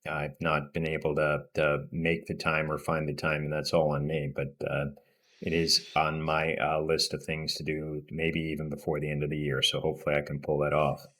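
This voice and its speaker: A man's voice: extremely low pitch, monotone, moderate pace, a bit bright. A middle-aged man born in Peru, a podcast guest talking reflectively with many restarts and fillers. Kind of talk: casual interview conversation.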